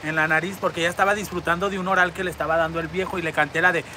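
A woman's voice: fairly low pitch, fairly even intonation, racing, bright, forceful tone, slight background noise. A woman with a Mexican Spanish accent hosting a live stream, reading viewer comments aloud and answering in a brassy, campy, foul-mouthed way, speaking into a phone outdoors on a city street. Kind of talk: crude live-stream chat.

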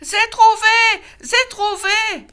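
A woman voicing a tiny, eager female wolf cub who shouts shrilly. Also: very high-pitched, steady tone, extremely slow, voice pushed up, exaggerated voice. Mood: excited shouting.

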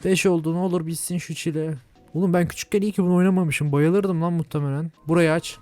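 A young man with a Turkish accent giving chatty, jumpy commentary while playing a horror game, yelling at scares. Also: high-pitched, fairly even intonation, fast, soft background music. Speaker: gaming channel host.

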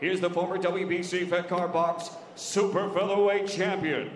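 A man working as a ring announcer at a live boxing event, giving booming, drawn-out shouted introductions. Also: flat delivery, crowd noise. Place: large casino arena, indoors. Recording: echoey arena hall.

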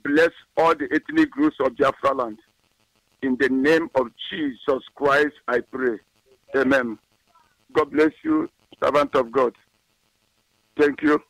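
A man's voice: medium pitch, steady tone, slow, pauses often, fairly bright tone, no room sound, rough recording. A man praying and exhorting his people, then making a community announcement on a radio call-in, in a preacherly manner.

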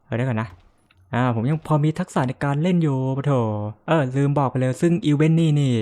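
A man's voice: mid-range voice, fast, mellow. A man giving casual let's-play commentary as a gaming YouTuber, joking around, swearing often and yelping in panic at scares.

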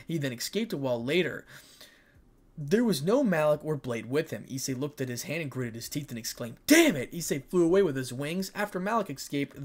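A man reading fan fiction aloud, plain and steady at a middle pitch. He stumbles and corrects himself now and then as he reads. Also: breathy edge. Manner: plain, with slips and self-corrections. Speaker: narrator.

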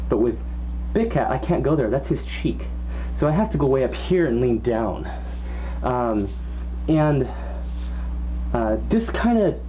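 A man's voice: mid-range voice, dark tone, slight background noise. A man explaining fursuit performance in a casual, rambling way, his voice muffled by the costume head he is wearing. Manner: rambling, many fillers and restarts. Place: indoors at home.

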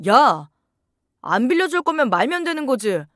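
A woman's voice: fairly high pitch, lively intonation, moderate pace, dry recording, studio quality, lightly acted. A woman voicing a pushy, angry husband. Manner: demanding, sulky, shouting.

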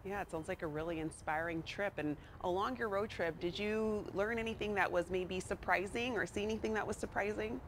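A woman's voice: medium pitch, brisk, hardly any pauses, a little hiss or hum. A woman hosting a TV show, introducing her guests and asking friendly, upbeat questions. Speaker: TV show host. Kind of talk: TV interview hosting.

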